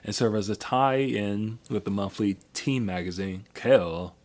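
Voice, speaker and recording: Rambling low-voiced male podcast co-host. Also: unhurried, a little mellow. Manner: rambling, many fillers and restarts. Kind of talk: casual chat.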